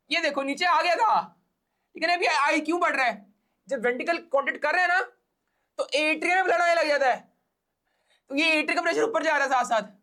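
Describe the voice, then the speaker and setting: With an extremely high pitch and a fairly bright tone, a man with a Pakistani accent walks exam students through a relaxed biology lecture. Key points get repeated, each step is explained in turn, and he checks that everyone follows.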